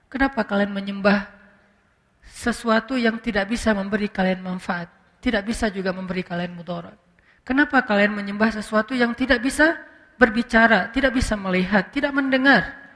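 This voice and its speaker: A preacher softly acting as a gentle prophet calling a crowd close, earnest and unhurried. The voice is bright and rings in a long hall reverb. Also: male voice, high-pitched, creaky, heavily acted.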